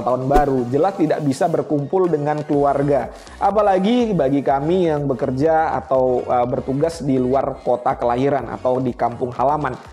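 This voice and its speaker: Warm in tone and mid-range in pitch, this male air traffic controller hosts a channel, talking conversationally to camera. He addresses viewers as friends and leans on rhetorical questions. He records in a small, studio-like indoor room using a clip-on lapel mic.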